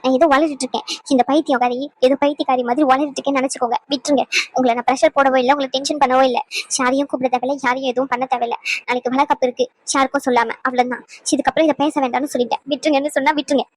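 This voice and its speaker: A woman's voice: high voice, flat delivery, rapid-fire, no echo. A woman voicing a hurt, defiant young pregnant wife in a dubbed cartoon, talking in bitter, sarcastic pleas.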